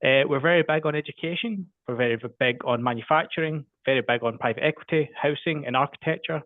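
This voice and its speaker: A man with a Scottish accent, originally from Scotland, giving a brisk, confident business pitch over a video call. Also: no room sound. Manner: brisk, confident and matter-of-fact. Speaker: business speaker pitching his firm. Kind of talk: short networking pitch. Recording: tinny phone-like line, dry.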